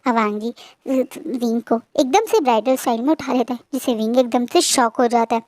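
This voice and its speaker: A woman's voice: on the high side, normal speed, a little mellow, no room sound. A woman casually retelling a fan-fiction story in a chatty, hesitant way with frequent fillers.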